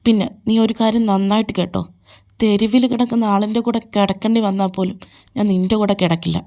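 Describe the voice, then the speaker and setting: A woman's voice: mid-range voice, fairly even intonation, fast talker, warm tone, lightly acted. A woman voicing a heartbroken young man in a fan audio drama, pleading and tearful. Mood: angry, hurt. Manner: pleading, crying out in protest. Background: faint background music.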